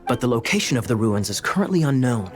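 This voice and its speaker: Scheming cavalry captain for a game, played by a man: mid-pitched, grandiose storyteller, teasing, music underneath. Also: very animated, fast, lightly acted. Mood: grand storytelling. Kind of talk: video game voice acting.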